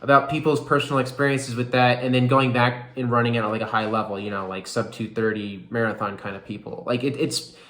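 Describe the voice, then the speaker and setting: A man's voice: mid-range voice, level tone, a little fast, few pauses, a bit bright, roomy sound. A young man giving a casual recovery update on his vlog, rambling with lots of "like" and "you know.". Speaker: vlogger.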